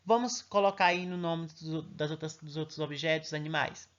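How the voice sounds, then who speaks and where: A male primary teacher talks young children through an online grammar lesson. He reads each example slowly and emphatically, then keeps asking the class short check-in questions. The recording is muffled and lo-fi. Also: a little high, steady tone.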